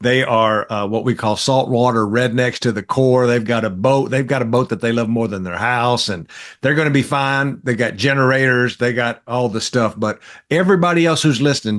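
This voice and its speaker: A middle-aged man, talking politics in a blunt, folksy way as a podcast co-host. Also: mid-range voice. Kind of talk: casual political chat.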